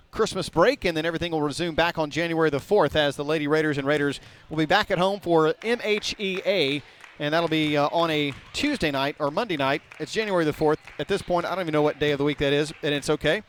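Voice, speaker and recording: A man's voice: a little high, quick pace, hardly any pauses. Folksy man calling a basketball game. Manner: folksy, rambling, talks to viewers directly. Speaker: play-by-play announcer. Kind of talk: high school basketball commentary. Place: small school gymnasium.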